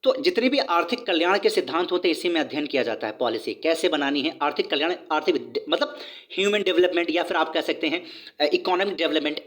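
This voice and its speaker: A man's voice: on the high side, quick pace, fairly bright tone. A man teaching a lesson on video, who reads from a book, explains in his own words, repeats points and asks rhetorical questions. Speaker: economics teacher.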